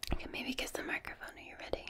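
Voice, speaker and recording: A young woman hosting ASMR in a whisper, speaking intimately and affectionately to the listener, very close to the microphone. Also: very fast. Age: young adult. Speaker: ASMR video host.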